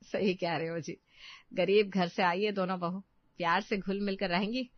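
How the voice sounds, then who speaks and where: A woman's voice: mid-range voice, fairly even intonation, moderate pace, no room sound, natural voice. A woman voicing a fussy, caring middle-aged mother-in-law who coaxes and scolds in a dull, dry recording. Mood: fussing. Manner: coaxing, scolding.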